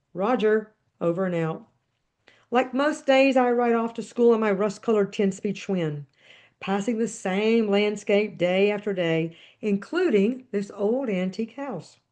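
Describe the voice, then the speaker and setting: Woman reading a story aloud, measured. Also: medium pitch, a little mellow. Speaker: podcast host. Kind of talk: reading her book aloud with brief commentary.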